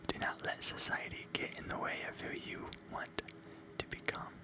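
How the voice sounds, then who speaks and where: At a moderate tempo, this ASMR host breathes out whispered encouragement without any voicing, returning to the same motivational phrases time after time.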